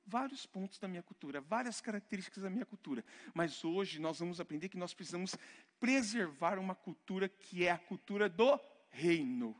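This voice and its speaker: High-voiced Brazilian preacher in a reverberant hall. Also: male voice, lively intonation, fairly quick. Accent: Brazilian Portuguese. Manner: conversational, often checks in with "né?". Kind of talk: sermon. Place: church hall. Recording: long church-hall reverb.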